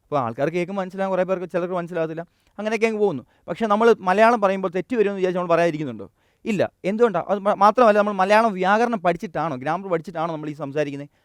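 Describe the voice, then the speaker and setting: A young man from Kerala, an English teacher, giving an energetic, direct stage talk that urges the audience on, often restarting and correcting himself mid-sentence. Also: sits high, racing, clear, resonant tone, no room sound, studio quality. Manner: frequent self-corrections and restarts. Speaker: English teacher and motivational speaker.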